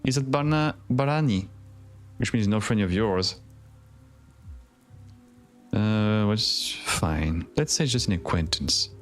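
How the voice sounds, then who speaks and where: A man on a gaming livestream, chatting casually and playfully and reading the game's dialogue aloud, with sudden excited jumps. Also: low voice. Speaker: streamer.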